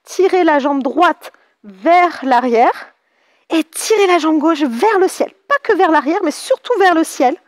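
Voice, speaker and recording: A woman's voice: high voice, lively intonation, a little slow, dry recording, studio quality. Cheerful French woman teaching Pilates. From France. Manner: cheerful, counts out reps, chatty asides. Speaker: Pilates instructor. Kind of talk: guided exercise class.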